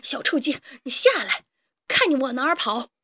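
A woman puts on a bullying old field-mouse boss who brags and threatens, his voice high and jumping all over, recorded close and dry with no room sound. storybook villain. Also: lively intonation, unhurried, a bit bright, dry recording, heavily acted. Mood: taunting. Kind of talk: storybook character voice.

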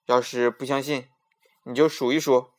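A clever folk hero speaks up boldly and cheekily, raising his voice to tease a ruler, as a storyteller puts him on. It is a lively storybook voice, somewhat higher than plain speech. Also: moderate pace, lightly acted. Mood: teasing. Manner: bold and teasing.

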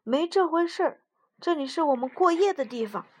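A woman voicing a bossy, impatient male mouse adventurer in a storybook, speaking sternly and loudly. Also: medium pitch, expressive, moderate pace, a little hiss or hum, lightly acted.

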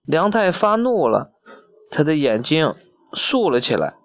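A woman reading a picture book aloud to a child, pausing to ask patient questions in a conversational way. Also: low voice, sing-song.

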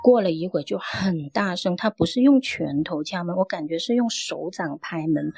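A woman tells her own ghost encounter as a caller. She speaks in an earnest, halting way, and her voice is a little husky. The sound is dry, with faint music underneath. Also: fairly low pitch, lively intonation, darkish tone, no room sound. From Guangdong, China. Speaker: caller sharing a story. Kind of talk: first-person ghost story telling.

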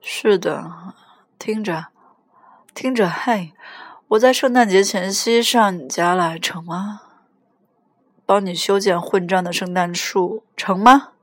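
A woman voicing a drunk teenage boy on the phone, slurred, loud and pleading. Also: mid-range voice, takes it slowly, long pauses, no echo, clean studio sound.

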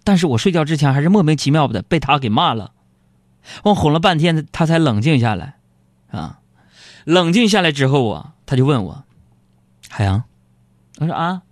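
A young man, hosting a live stream show and telling joking, animated stories about his family. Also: on the high side, a little fast, no room sound. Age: young adult. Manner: joking, animated storyteller who acts out arguments. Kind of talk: comic storytelling monologue. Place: broadcast studio.

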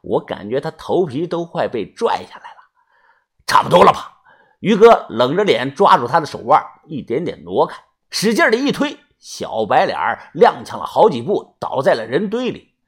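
A man narrating an audiobook story in a colloquial, lively way. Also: on the high side, normal speed, breathy edge. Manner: lively, colloquial, filler particles.

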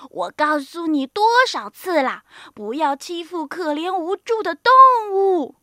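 A woman voicing a frail little old woman with a shrill, high voice in a storybook reading. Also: very animated, unhurried, bright, forceful tone, dry recording, clean studio sound, exaggerated voice. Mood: scolding, kindly.

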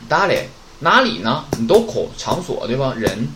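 Unhurried this time, the man presents an informal Japanese vocabulary lesson against a noisy background. He stays chatty, with lively, swinging pitch, posing rhetorical questions and answering them himself.

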